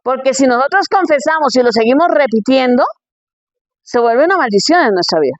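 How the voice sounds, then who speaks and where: Woman preaching, high voice, reads bible verses, keeps asking "ok?", dull dry recording. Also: expressive, a little fast, dry recording. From Colombia.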